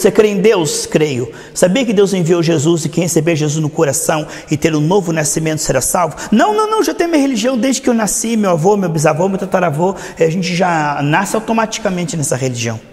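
A man with a high-pitched voice preaches to his congregation as their pastor. He plays out little back-and-forth scenes to drive home each point. His voice rings with the long reverb of a church hall. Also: darkish tone. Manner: preaching with acted-out dialogues. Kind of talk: sermon.

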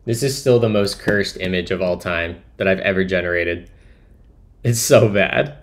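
A man's voice: low-pitched, fairly even intonation, normal speed. A man live-coding on a stream, thinking aloud and talking to chat in a musing, trailing-off way as he types.

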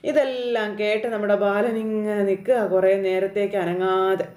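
A woman's voice: mid-range voice, flat delivery, normal speed, a little mellow, reverberant. A woman with a Kerala accent casually retelling a TV serial episode, chatty and full of fillers. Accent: Kerala Malayalam. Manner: informal, lots of fillers and "kēṭṭō" tags. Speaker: serial recap narrator.

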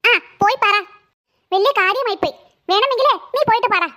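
A woman's voice: very high-pitched, moderate pace, pushed and bright. A woman voicing a cheeky, stubborn little girl in a cartoon who mocks and defies her sister. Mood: defiant. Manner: mocking, defiant, sassy. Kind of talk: cartoon voice acting.

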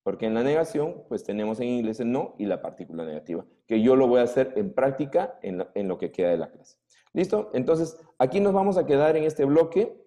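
A man's voice: medium pitch, animated, brisk, warm tone. A male English teacher, giving a classroom grammar lesson and patiently checking that his students follow. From Peru.

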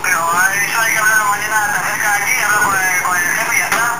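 A man's voice: high voice, steady tone, rapid-fire. A man heard over a landline phone call, answering curtly and evasively with short, repeated replies as a delivery worker. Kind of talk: phone conversation. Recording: echoey, noisy phone line.

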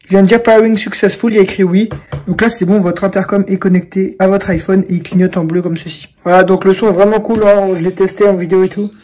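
Indoors in a home room, a young male presenter runs through a laid-back product tutorial, speaking straight to his audience in an informal way. He talks at a quick pace with a flat delivery, and his voice sits high and sounds mellow.

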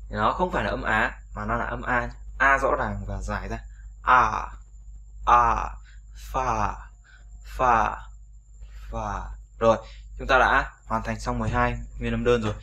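A man's voice: mid-range voice, steady tone, normal speed, sharp tone. A Vietnamese-speaking man teaching English vowel sounds in a casual video lesson, repeating each sound and chatting with viewers.

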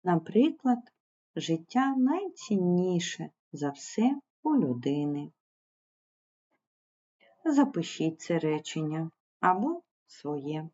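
Woman teacher going slow and patient over syllables, darkish soft voice, a bit muffled. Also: on the low side, sing-song. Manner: patient, spells out sounds and syllables. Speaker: primary school teacher. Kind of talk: slow explanatory online lesson.

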